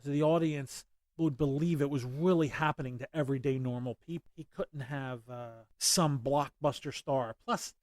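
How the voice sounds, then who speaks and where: A man's voice: mid-range voice, normal speed, a little mellow, no room sound. A man hosting a casual movie commentary, rambling with many fillers and restarts. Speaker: podcast host.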